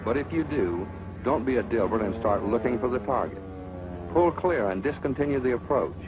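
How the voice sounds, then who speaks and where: A man with an expressive, natural, medium-pitched voice speaks at normal speed while narrating a 1940s training film. He takes on the part of a stern military flight instructor, authoritative, didactic and scolding, and the old film soundtrack is muffled and noisy.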